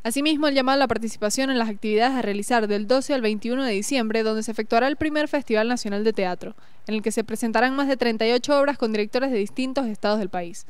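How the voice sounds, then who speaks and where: Reportera venezolana de ritmo ágil. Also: female voice, on the high side, fast talker, smooth. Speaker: news reporter. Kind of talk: scripted news narration.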